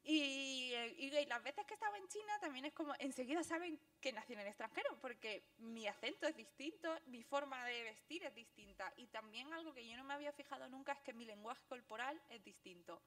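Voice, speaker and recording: A young woman with an Andalusian accent, giving a fast, animated talk with lots of laughter at a book presentation. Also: high voice. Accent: Andalusian Spanish. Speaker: guest speaker, graphic novelist.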